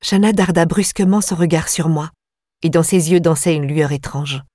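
A woman reading a first-person story aloud in a measured, composed way. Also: deep voice, steady tone, mellow, no echo, clean studio sound. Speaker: audiobook narrator. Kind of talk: scripted first-person narration.

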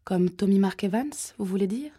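A woman's voice: medium pitch, moderate pace, warm tone, slightly rough, natural voice. A woman voicing a tense female investigator who speaks steadily and insistently on the phone in an audiobook. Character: tense female investigator, calm but pressing.

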